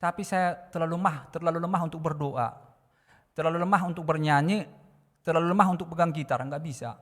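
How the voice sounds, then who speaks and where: A man giving a testimony in a church service. He speaks fervently and sometimes shouts prayers. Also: a little high, quick pace, big-room sound. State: recovering from illness. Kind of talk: sermon testimony.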